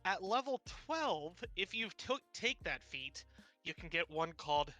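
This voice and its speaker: A man's voice: high voice, sing-song, unhurried, sharp tone, soft background music. A man playing in a tabletop game, enthusiastically explaining his character's abilities in detail. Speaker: player.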